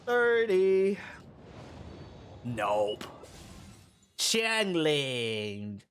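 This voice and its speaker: A man streaming his game rolls in casual commentary, halting and rambling between excited bursts, with a morning voice. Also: fairly high pitch, soft background music. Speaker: gaming streamer. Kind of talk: casual gacha-roll commentary.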